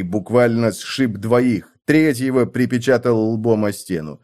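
A man narrating a violent fantasy audiobook with intense, theatrical delivery, mid-pitched. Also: darkish tone.

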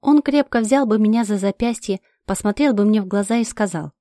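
A woman reads a first-person story in an urgent, emotional voice. Her pitch sits in the middle range for a woman. The recording is dry and close, with almost no room sound. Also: fairly quick, dark tone, no echo. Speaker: narrator. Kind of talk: first-person audiobook reading.

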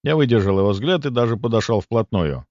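A man reading a fantasy audiobook in a lively, expressive narration. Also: medium pitch, fairly quick, dry recording. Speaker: audiobook reader. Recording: dull lo-fi dry audiobook recording.

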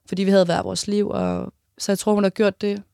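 A woman in her twenties telling a personal story in an interview, halting, with many restarts and pauses. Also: mid-range voice, little pitch movement, creaky, warm tone, no echo, clean studio sound.

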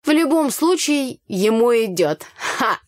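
A woman's voice: on the high side, animated, slow, no echo, studio quality, pitched above the performer's own voice. A woman voicing a brash, gossipy young village woman who talks bluntly in slang.

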